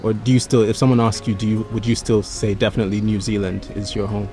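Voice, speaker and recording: A man interviewing people on a city street, asking short, brisk questions. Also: on the low side, level tone, mellow, soft background music.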